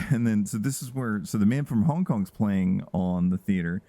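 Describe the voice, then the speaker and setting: A man's voice: fairly low pitch, normal speed, dark tone, no room sound. A man co-hosting a podcast, chatting casually about a film and laughing often. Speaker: podcast co-host. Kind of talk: casual movie review chat.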